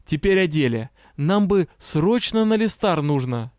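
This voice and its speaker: A man's voice: on the high side, sing-song, unhurried, a little mellow, no room sound. A man voicing a sardonic male lord and master of death magic with a dry, mocking manner.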